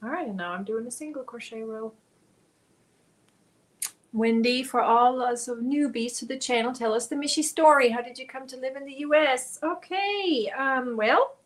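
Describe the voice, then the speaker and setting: Fairly high-pitched and a bit bright, this German woman sounds animated but talks a little slowly, pausing often. On her casual crochet livestream she chats as she works, reads out viewer comments, and mutters while counting stitches.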